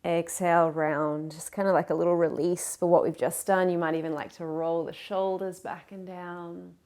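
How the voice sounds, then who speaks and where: A woman yoga teacher leading a guided class, cueing breath and movement in a gentle, encouraging, unhurried way. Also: on the low side, level tone.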